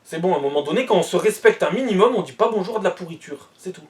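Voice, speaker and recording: Heated, high-voiced man ranting. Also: animated, rapid-fire, a little mellow, distant mic. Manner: heated, blunt and repetitive. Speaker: commentator reacting to news. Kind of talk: ranting monologue and news reading.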